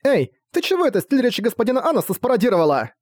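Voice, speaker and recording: A man's voice: very high voice, very animated, very fast, a little mellow, no room sound, studio quality, pitched above the performer's own voice. A man voicing a group of plucky young female fan-club girls in an audiobook, eager and chirpy. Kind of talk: audiobook character voice.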